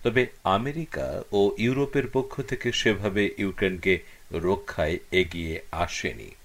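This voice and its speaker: A man speaking as a public radio host, presenting and putting questions in a formal, measured way. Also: on the low side, animated.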